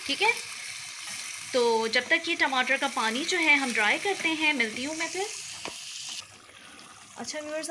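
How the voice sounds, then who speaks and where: A woman walks through a recipe step by step in her home kitchen, often checking in with "theek hai". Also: high-pitched. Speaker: cooking channel host. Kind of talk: recipe walkthrough over cooking footage. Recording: home video with frying noise. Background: sizzling oil and stirring.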